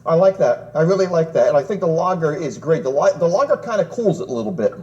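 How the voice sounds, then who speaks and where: A man's voice: fairly high pitch, animated, quick pace, darkish tone, lo-fi sound. A man hosting a TV tasting show, easygoing and jokey as he leads the chat. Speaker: TV show host. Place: TV studio.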